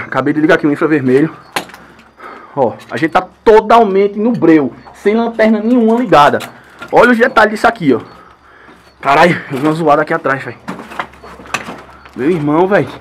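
A young man, out of breath, excitedly narrating a night exploration of a ruined house to his viewers, swearing and calling out as he goes. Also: fairly high pitch, slight background noise. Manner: excited, tense, swears a lot, calls out to viewers. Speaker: paranormal vlogger. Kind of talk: handheld night exploration vlog. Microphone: handheld camera mic.

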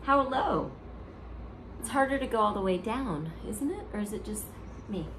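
A woman's voice: mid-range voice, lively intonation, moderate pace, fairly bright tone, slight background noise. A woman doing push ups and chatting casually with her workout partner, picked up by a camera mic in a room. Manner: counting and talking while doing push-ups. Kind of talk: casual chat during exercise. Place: living room at night, on exercise mat. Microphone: camera on floor, a few feet away.

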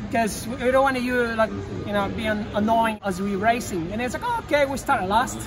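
A man in his thirties, hosting his channel in an indoor expo hall, talking excitedly in loose, rapid phrases. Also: very high-pitched. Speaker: channel host. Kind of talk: casual expo walkthrough. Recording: crowd noise behind.

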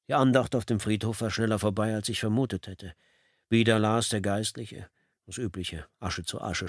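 A man narrating a first-person audiobook in a calm, measured reading. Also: lowish voice, no room sound, studio quality.

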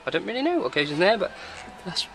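A car audio installer presents a demo in and around a parked car, speaking informally, matter-of-factly, and off the cuff. His high voice is very animated and quick, with vocal fry and a bit of brightness, and slight background noise is present.

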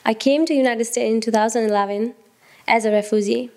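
Young woman with a Nepali accent, an even, level voice, giving a steady personal statement into a handheld mic. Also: fairly high pitch, a little fast. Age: 20s. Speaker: college student.

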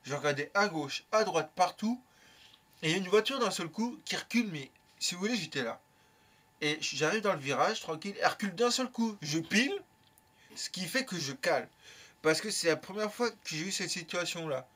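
Young man, fairly high voice, bright tone, casual story, slangy and swearing. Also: brisk. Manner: lively, slangy, swears freely. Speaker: YouTuber.

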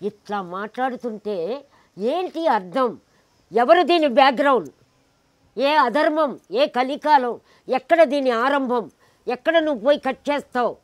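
An interviewed woman with a high, animated voice speaks at a measured pace with frequent pauses, and there's no room sound. Telling a personal story emphatically, she acts out the figures in it and fires off indignant rhetorical questions.

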